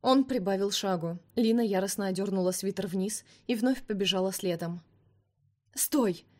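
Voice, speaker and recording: A woman narrating an audiobook in a steady, dramatic reading. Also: mid-range voice, a little fast. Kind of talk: expressive scripted narration.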